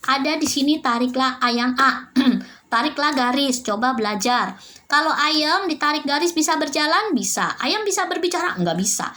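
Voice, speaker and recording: Lively sing-song woman teacher. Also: high-pitched, normal speed. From Indonesia. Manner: sing-song, asks questions and answers them herself. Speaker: primary school religion teacher. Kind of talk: home-learning lesson for young children.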